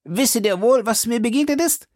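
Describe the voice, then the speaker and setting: A man's voice: very high voice, expressive, moderate pace, darkish tone, no echo, studio quality, voice pushed up. A man voicing a hearty, boastful musketeer in an audiobook reading, with a swaggering manner. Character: boastful, hearty male musketeer, bedridden, jovial.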